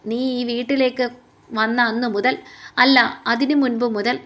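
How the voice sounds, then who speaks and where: Woman reading a soft-spoken serious young man. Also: a little high, fairly even intonation, a little slow, dull audio, lightly acted. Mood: earnest. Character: serious young man, quietly devoted lover.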